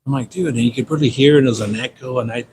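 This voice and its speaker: Over obvious background noise, a fifties-aged livestream host from San Diego talks very fast in a medium-pitched, somewhat dark voice. His Californian American accent colors loose, slangy stories, and he keeps repeating himself.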